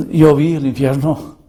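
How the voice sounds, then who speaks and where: A man giving an earnest spoken testimony as an evangelist, often clearing his throat and restarting words. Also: a little high, warm tone.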